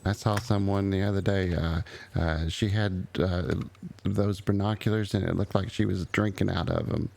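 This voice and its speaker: Low gravelly halting man. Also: steady tone, a little mellow. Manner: halting, full of uh and um. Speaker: roleplay streamer playing an old relative. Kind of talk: in-character roleplay chat.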